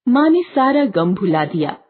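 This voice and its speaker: A woman reading a children's storybook aloud in a gentle, expressive way. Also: mid-range voice, a little slow. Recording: tinny phone-like audio.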